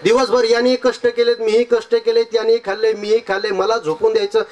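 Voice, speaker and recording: A man's voice: high voice, flat delivery, fast talker, a little mellow, natural voice. A man playing a grumpy sleepy farm owner. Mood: irritated. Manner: irritated grumbling.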